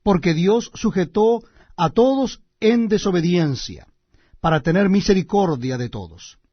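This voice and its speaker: A man reading the Bible aloud as host, in solemn, measured, declamatory narration with deliberate pauses between phrases. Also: high voice, expressive, husky, dry recording, lo-fi sound.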